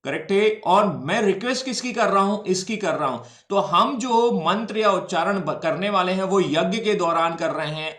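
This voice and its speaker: A man's voice: high voice, fairly bright tone, roomy sound. A male teacher gives an exam-prep history lecture, explaining step by step, mixing Hindi and English and checking that students follow.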